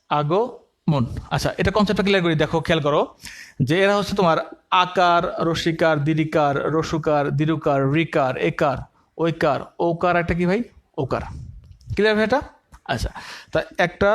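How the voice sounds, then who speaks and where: A man teaching an admission coaching lecture, dictating notes and asking the class questions he answers himself. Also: high-pitched. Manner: asks the class questions and answers them himself, repeats key terms; uses everyday comparisons to explain.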